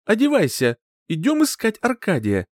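A man voicing a frantic, furious woman, a grieving mother, in an audiobook, shouting in fierce, high cries. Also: huge pitch swings, normal speed, no room sound, studio quality. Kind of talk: audiobook character voice.

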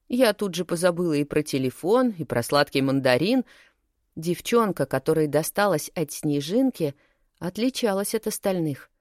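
A woman narrating a first-person story as a scripted audiobook reading, with lively storytelling. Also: deep voice, dry recording, studio quality.

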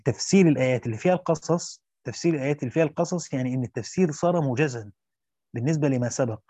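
A male teacher reads quickly through a Quran commentary in classical Arabic, then shifts into colloquial asides, restarting as he goes. His voice is dark, dull, husky and on the high side, with no echo.

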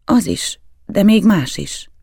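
Storybook role: man doing a hoarse, suspicious young servant, pitched up high, gravelly. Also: expressive, a little mellow, no room sound, clean studio sound, heavily acted. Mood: eager. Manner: defiant, halting, suspicious. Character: distrustful, sullen young male servant.

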